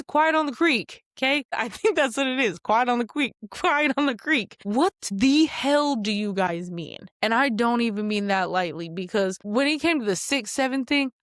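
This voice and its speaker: A woman's voice: dry recording, clean studio sound. Chatty young woman podcast host. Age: 20s. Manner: chatty, animated, frequent asides and jumps in pitch. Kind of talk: casual solo podcast monologue.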